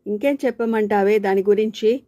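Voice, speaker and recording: A woman's voice: medium pitch, fairly quick, dark tone, dry recording, close to an everyday voice. A woman voicing an angry old mother-in-law who curses harshly and indignantly, read aloud in a storybook narration. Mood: angry scolding.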